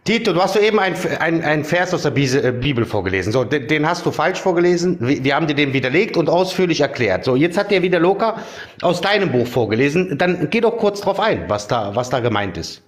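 A man moderating an online debate, stammering as he tries to calm the debaters down. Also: on the high side, brisk.

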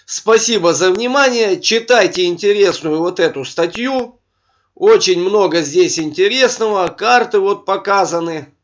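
A man with a speech impediment on his R sounds, reading texts aloud informally as a video blogger, with halting commentary. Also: high-pitched. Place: voice-over recorded over a screen capture. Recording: dull, lo-fi microphone sound.

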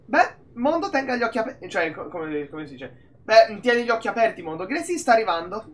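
Animated, swearing Italian game streamer. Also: male voice, high voice, fairly quick. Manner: animated, rambling, swears a lot. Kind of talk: casual gameplay commentary.

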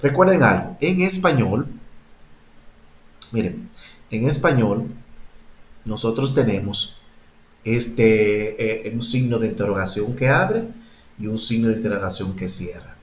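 A man's voice: lowish voice, animated, measured pace, pauses often, echoey room, highs cut off. A man teaching English to Spanish-speaking students in an online class, explaining grammar patiently step by step and mixing in English examples.

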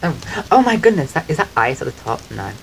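Chatting casually on a home live stream, a man with a soft, fairly high, sing-song voice often mistaken for a woman's talks fast and rambles, thanking viewers while he eats. He uses a desk microphone, and background noise is clearly audible on the stream.

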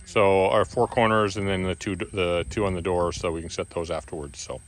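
A man explaining parts at an outdoor building site in a relaxed way, often trailing off. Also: low voice, normal speed. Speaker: builder narrating a barn build. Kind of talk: casual on-site walkthrough. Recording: loud outdoor noise. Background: heavy outdoor noise.

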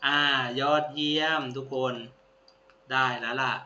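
A man teaches a classroom-style language lesson, patiently repeating each word and praising his students. His mid-range voice is steady, pushed and bright, at a measured pace. The lo-fi recording is roomy and dull, with a faint hum.

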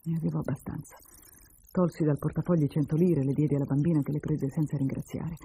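A man reading a short story aloud in a measured and expressive first-person narration. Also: fairly high pitch, husky, rough recording. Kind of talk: literary reading.

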